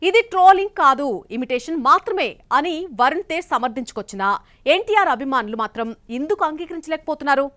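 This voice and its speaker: High-voiced woman anchor posing headlines. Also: animated, a little fast, a bit bright. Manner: questioning headline delivery. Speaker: news anchor. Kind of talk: news headline intro.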